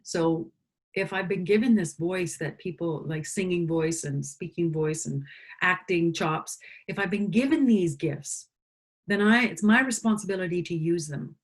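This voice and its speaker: In a reflective interview conversation, a woman from Canada, a singer-songwriter, talks with earnest conviction. She has a lowish voice and keeps a measured pace.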